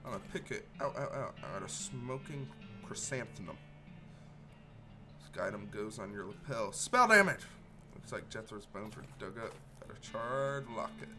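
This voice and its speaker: A man's voice: on the low side, moderate pace. Man casually streaming a game over music. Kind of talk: casual game playthrough commentary.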